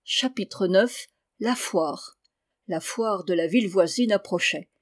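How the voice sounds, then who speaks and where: A woman reads a classic storybook aloud. Her narration is calm and measured, in a mid-pitched voice. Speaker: audiobook reader.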